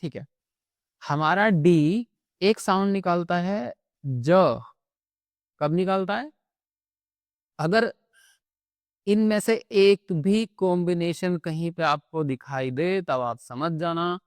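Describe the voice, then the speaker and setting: A man teaching phonics in a patient classroom manner, pausing often to check in before he moves on. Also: on the high side, clean tone, dry recording, studio quality. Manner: patient, repeats "theek hai" between points. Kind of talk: classroom-style phonics lesson.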